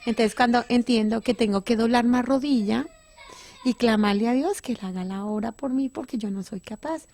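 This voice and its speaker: A woman's voice: on the high side, normal speed, darkish tone. A middle-aged woman giving an earnest, emotional personal testimony in an interview, often restarting and correcting herself.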